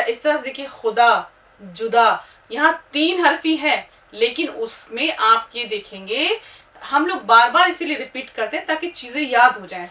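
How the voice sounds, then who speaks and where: A woman teacher spells each word slowly and patiently, letter by letter, for her learners. Her voice is bright and sits a little high. She sounds set back from the microphone. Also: recorded from a distance. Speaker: Urdu teacher.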